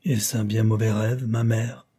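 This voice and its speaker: A man reading aloud voices a sensible young woman who speaks briskly and dismissively to her mother. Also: lowish voice, little pitch movement, warm tone, slightly rough. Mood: brisk, questioning.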